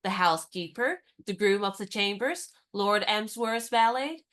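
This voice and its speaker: Playing a lively young woman disguised as a lady's maid, the actress needles her companion in a brisk, knowing manner, radio-drama style. Her teasing voice is middle-pitched, a bit bright, with lively intonation.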